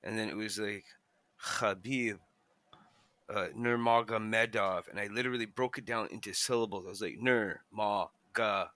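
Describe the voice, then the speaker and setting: Man, low pitch, forceful bright tone, joking, swears a bit, casual co-host. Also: steady tone, quick pace, few pauses, no room sound. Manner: loose, joking, profane. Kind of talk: casual chat.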